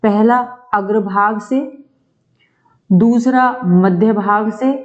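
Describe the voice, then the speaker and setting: A woman teacher runs an exam-prep grammar lesson in a mid-range voice, the audio sounding dull. She explains slowly and at length, posing questions and answering them herself while frequently checking in with the class.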